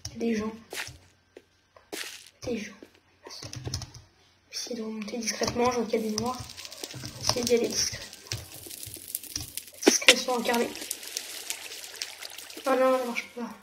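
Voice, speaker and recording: A young woman with a French accent giving casual gameplay commentary, thinking aloud with quick exclamations. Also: on the high side, level tone. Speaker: gamer. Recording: echoey room with noticeable noise.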